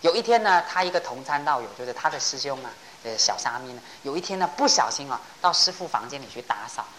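Brief: low-voiced woman preacher, very expressive pitch, faint hiss. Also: fast, low-quality recording. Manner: animated, rhetorical questions. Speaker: Buddhist dharma teacher. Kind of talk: sermon with storytelling.

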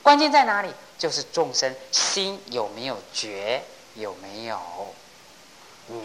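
Animated woman giving a dharma talk. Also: rumbling low, measured pace, rough recording. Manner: animated, rhetorical questions. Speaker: Buddhist dharma teacher. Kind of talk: sermon with storytelling.

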